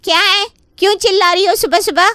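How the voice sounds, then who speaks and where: A woman's voice: high voice, expressive, moderate pace, fairly bright tone, smooth, dry recording, studio quality. A woman voicing a scheming young married woman in a cartoon story, taunting and falsely innocent. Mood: rude. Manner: sly, taunting, fake-innocent whining. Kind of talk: Hindi cartoon voice acting.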